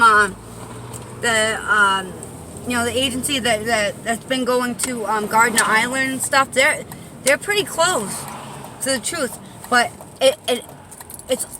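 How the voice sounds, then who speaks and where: Casting: woman, higher-pitched, lisp with whistling S, insistent off-the-cuff vlogger, noisy phone recording. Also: pushed and bright. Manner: insistent, halting, conspiratorial telling. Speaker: video maker addressing viewers. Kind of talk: rambling casual vlog monologue. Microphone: handheld phone.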